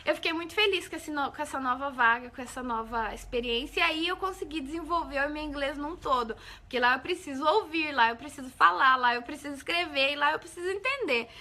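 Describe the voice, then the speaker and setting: A woman's voice: sits high, quick pace, hardly any pauses, pushed and bright. A Brazilian woman hosting a casual live stream, chatting with viewers, greeting them by name and often checking "entendeu?". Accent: Brazilian Portuguese.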